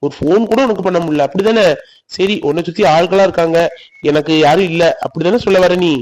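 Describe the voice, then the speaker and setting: A hurt young man in a cartoon who sulks and then coaxes, voiced by a man. His voice sits a little high, and he pushes his point with insistent, pleading persistence. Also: a little fast, a little mellow, close to an everyday voice, low-quality recording. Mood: sulking. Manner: sulky, pushy, coaxing. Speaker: cartoon voice actor. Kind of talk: animated village drama voicing.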